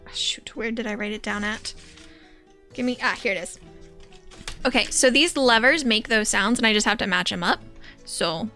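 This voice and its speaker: Bright-voiced gal chatting thru a game, bit higher pitch, delighted and giggly. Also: female voice, moderate pace, long pauses, faint music behind. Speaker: gamer. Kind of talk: casual game commentary.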